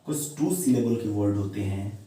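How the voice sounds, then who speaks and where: An English teacher with a fairly low, mellow voice gives a classroom-style grammar lesson in Hindi, using grammatical terms and speaking at a moderate pace. He keeps questioning the viewer, answers himself, and repeats key words. The room is very echoey, his voice sits far from the mic, and there is a bit of hiss or hum.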